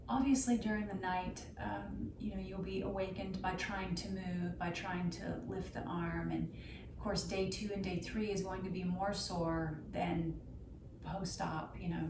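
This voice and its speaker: Middle-aged woman, therapist instructing, measured explanatory delivery, distant microphone, noticeable background noise. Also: on the low side, echoey room. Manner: measured, explanatory, uses anatomical terms. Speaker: physical therapist and yoga instructor. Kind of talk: instructional health vlog, talking to camera.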